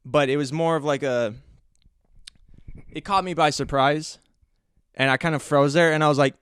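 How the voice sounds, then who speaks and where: A man's voice: on the high side, normal speed, fairly bright tone, clean tone, dry recording, studio quality. A young man hosting a podcast, telling a story in a rambling way with lots of restarts and fillers, acting out his own reactions. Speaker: podcast host. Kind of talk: casual storytelling monologue.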